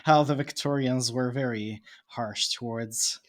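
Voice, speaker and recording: A Bosnian man appears as a podcast guest, speaking English with a Bosnian Serbian accent. He muses and thinks aloud in casual chat, laughing often, in a steady medium-pitched voice at a measured pace.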